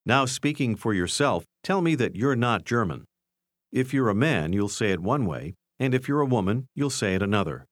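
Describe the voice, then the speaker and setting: A man narrating a language course, giving clear scripted prompts to listen and repeat. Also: mid-range voice, expressive, moderate pace, dry recording, studio quality. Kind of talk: scripted instruction.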